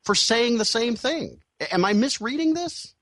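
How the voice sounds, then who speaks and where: A man of fifty hosting a radio interview, probing his guest in a halting way with many fillers and restarts. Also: very high-pitched, lively intonation, a bit bright, no room sound. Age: 50s. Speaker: radio talk show host.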